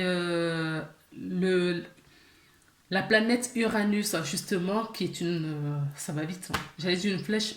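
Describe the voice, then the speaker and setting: A woman's voice: on the low side, echoey room. A woman giving a casual tarot reading to her viewers, chatty, with many fillers, restarts and small laughs. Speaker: tarot card reader.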